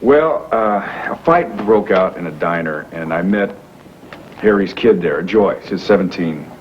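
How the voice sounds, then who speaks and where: An actor playing a wealthy young man who has posed as a factory worker, explaining himself earnestly with halting fillers, in 1980s daytime soap acting heard from a worn VHS tape copy. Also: sits low, expressive. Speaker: businessman explaining a masquerade. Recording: muffled hissy worn videotape of a TV broadcast.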